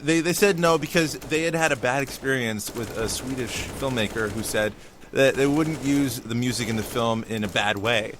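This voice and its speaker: A man co-hosting a casual podcast, recounting a story with frequent laughter. His voice sits at an ordinary middle pitch, and a noisy background sits under the recording. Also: normal speed. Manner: chatty storyteller, laughs often. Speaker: podcast co-host. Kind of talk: casual chat.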